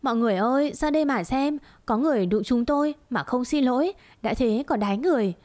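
A woman's voice: on the high side, expressive, fast talker, a little mellow, lightly acted. A woman voicing a mischievous young mistress in a storybook reading, wailing theatrically.

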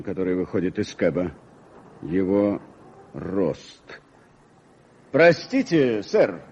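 A man playing a shrewd, self-assured police detective in an old radio play, with brisk, clipped delivery. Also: mid-range voice, warm tone, slight background noise, close to an everyday voice. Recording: dull, band-limited old radio recording.

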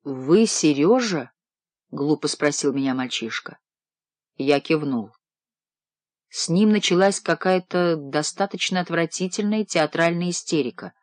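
A man reading a first-person novel aloud in a low, measured narrating voice. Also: no echo, clean studio sound. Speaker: audiobook narrator. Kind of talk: scripted narration.

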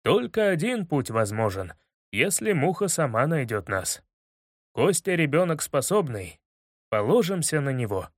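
A man voicing a gloomy adult male detective, speaking in a glum, measured way in an audiobook reading. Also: on the high side, very animated, no echo, clean studio sound.

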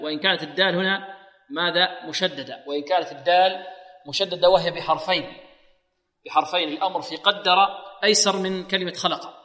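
A man teaching Quran recitation to students, asking them questions and reciting examples slowly and carefully. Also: sits high, fairly bright tone, long reverb tail. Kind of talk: tajweed lesson with slow demonstrations.

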